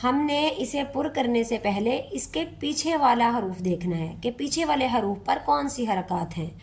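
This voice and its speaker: Woman tajweed teacher, unhurried patient delivery, slightly high voice. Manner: slow, patient explaining with drawn-out demonstrations. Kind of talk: step-by-step recitation lesson.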